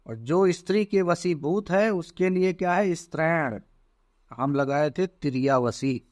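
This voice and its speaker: A man teaching as he goes through an exam paper, slow and deliberate, often checking in with "theek hai". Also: a little high, no echo, studio quality. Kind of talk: exam paper walkthrough lesson.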